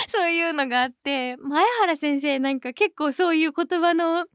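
High, lively young woman host. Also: dry recording, clean studio sound. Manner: laughs often while telling stories; lively and chatty. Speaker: podcast host. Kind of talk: casual chat.

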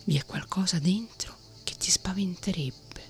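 A woman's voice: on the low side, unhurried, faint music behind. A woman voicing a steadfast, loyal male servant in a whispered role-play. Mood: earnest. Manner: soft, earnest whispering.

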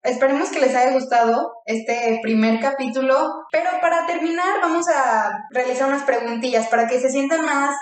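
A woman's voice: high voice, normal speed, few pauses. A young woman with a Mexican Spanish accent, co-hosting a podcast in a playful, chatty casual conversation. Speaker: podcast co-host. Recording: very echoey room, distant mic, faint noise.

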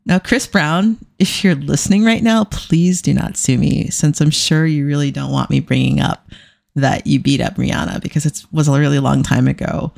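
A woman's voice: low voice, normal speed, creaky, darkish tone, no echo, studio quality. A middle-aged woman hosting a podcast alone, chatting casually with irreverent, self-deprecating humour. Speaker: podcast host. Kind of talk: casual solo podcast talk.

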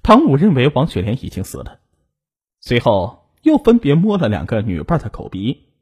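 A man's voice: mid-range voice, wildly swooping pitch, normal speed, a little mellow, slightly rough. A man narrating a true crime story with dramatic delivery. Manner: dramatic, rising and falling delivery.

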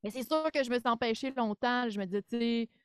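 A woman's voice: a little high, quick pace, clear, resonant tone, no room sound. A woman from Quebec with a Québécois French accent, chatting casually as a podcast guest from her home studio, full of fillers. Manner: chatty, many fillers, laughs easily. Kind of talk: casual interview chat.

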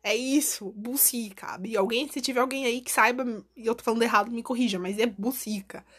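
Podcast co-host, woman, high voice, playful and teasing. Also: steady tone, fast talker, fairly bright tone. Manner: playful, teasing, bursts of laughter. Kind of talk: casual joking chat.

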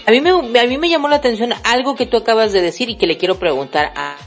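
A woman's voice: fairly high pitch, quick pace, faint music behind. A woman hosting a radio talk show, speaking conversationally and putting follow-up questions to her guests.

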